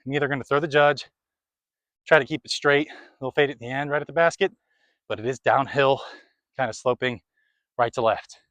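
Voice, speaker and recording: A man's voice: medium pitch, a little fast, long pauses, a bit bright, no echo. A young man talking through a disc golf round outdoors, chatty and a little out of breath. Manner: chatty, running commentary between throws. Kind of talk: casual play-by-play commentary.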